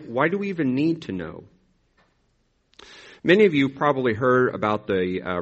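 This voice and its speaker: A lower-pitched man gives an informal, reflective sermon as a pastor. He speaks haltingly, his articulation a little impeded by braces. The recording is slightly dull. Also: fairly bright tone. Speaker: pastor preaching. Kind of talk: conversational sermon.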